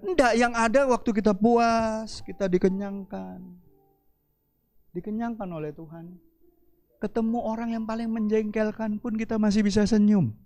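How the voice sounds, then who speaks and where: A pastor preaches in a fairly high man's voice. He climbs high and loud, then drops low and quiet, keeping the congregation with him, and faint music sits underneath. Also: steady tone, normal speed. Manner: dramatic preaching with big swings of pitch and loudness. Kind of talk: sermon.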